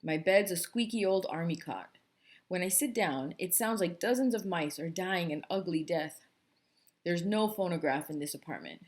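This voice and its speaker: Lower-voiced woman reading a novel aloud. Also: moderate pace. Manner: steady, first-person storybook narration. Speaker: book club reader.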